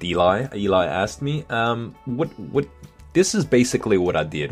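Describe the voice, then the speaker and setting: A young man with a deep voice answers viewer questions casually for his gaming channel. He sounds relaxed but hesitant, filling pauses with lots of ums.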